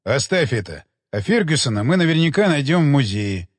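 A blunt, harsh police inspector, as a male reader plays him, terse and sharp. His husky voice sits lower than the narration. A long reverb lingers behind it. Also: big pitch swings, brisk.

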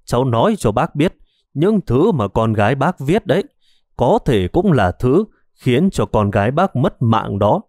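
A man's voice: mid-range voice, sing-song, measured pace, a little mellow, no echo. An insistent police detective who presses his questions urgently, voiced by a male narrator. His voice stays mid-range and ordinary. The sound is close and dry. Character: agitated young male police detective, pushy.

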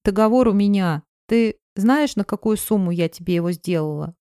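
A woman's voice: mid-range voice, expressive, normal speed, warm tone, smooth, dry recording, studio quality, close to an everyday voice. A woman voicing an anxious, self-justifying woman friend talking on the phone in an audiobook. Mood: tearful.

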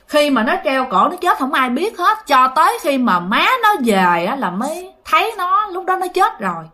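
A woman's voice: sits high, sharp tone, exaggerated voice. A woman voicing an older male neighbor who tells what happened to the family, in a Southern Vietnamese accent. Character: older man neighbor telling a sad tale.

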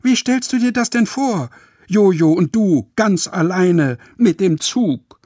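A man's voice: fairly high pitch, extremely slow, gravelly, husky, no echo, clean studio sound, recorded from a distance, pitched above the performer's own voice, exaggerated voice. A man voicing an upset, scolding mother in a storybook reading. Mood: indignant.

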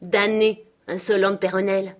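A woman reader voicing a rough, surly young farm lad, gruff and insulting. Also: mid-range voice, little pitch movement, normal speed, natural voice.

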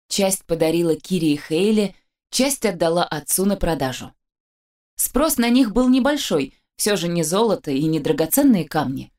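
A woman narrating a first-person story as an audiobook reader, with lively storytelling and a dry wit. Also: lowish voice.

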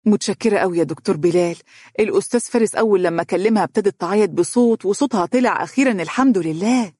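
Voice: medium pitch, racing, dark tone, dry recording, clean studio sound, voice pushed up, lightly acted. A narrator voicing a tearful middle-aged mother, speaking in an Egyptian accent with urgent, breathless pleading. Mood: grateful. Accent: Egyptian Arabic.

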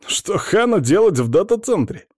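A man's voice: a little high, big pitch swings, fairly quick, warm tone, no room sound, clean studio sound, voice pushed up. A man reading an audiobook, voicing a nervous, defensive young male sysadmin who whines and flares up. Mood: indignant. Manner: whiny, flaring up, nervous protests.

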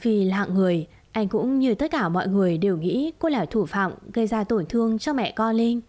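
A woman reading a romance drama story aloud in a steady, dramatic storytelling manner. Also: medium pitch, a little fast. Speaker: narrator. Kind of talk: scripted story narration.

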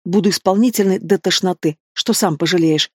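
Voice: medium pitch, brisk, husky, dry recording, studio quality, natural voice. A reader voicing a hot-tempered teenage werewolf girl. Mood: spiteful. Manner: shouting accusations, sarcastic.

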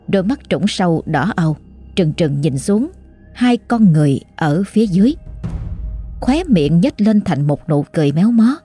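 Woman, low husky voice, horror story narration, lively intonation, slow suspense, faint music behind.

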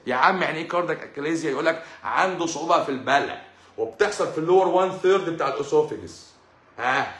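A doctor with an Egyptian accent talks casually to his audience in a live monologue, his slightly high, fairly bright voice sounding reverberant. His tone is sarcastic and mocking, packed with rhetorical questions.

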